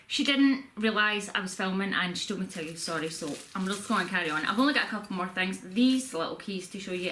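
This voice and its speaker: A woman's voice: medium pitch, fairly bright tone. Woman, chatty haul vlogger, rambling, self-deprecating, echoey home room, faint background hum. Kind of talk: casual haul video chat.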